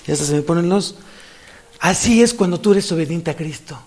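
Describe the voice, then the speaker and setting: A man with a Mexican Spanish accent preaching as a pastor in a church, animated, repeating phrases for emphasis. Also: on the high side, fairly quick. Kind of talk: sermon.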